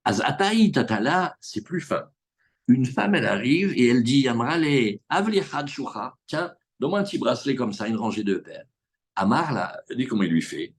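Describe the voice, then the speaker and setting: A man leads a Talmud class with a slightly husky, breathy voice. His pitch rises and falls in wide, animated swings, and he slips into the characters' lines to make his point. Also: normal speed. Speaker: rabbi teaching Talmud. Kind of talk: lively Talmud class to students. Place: live class with students in the room.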